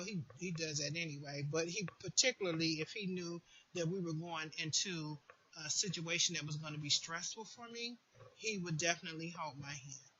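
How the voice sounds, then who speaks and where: Speaking at a fairly low pitch with a sharp tone, this female host offers casual advice and leans on repetition to drive her points home. Faint noise sits under the lo-fi audio, with distortion creeping into her voice near the end.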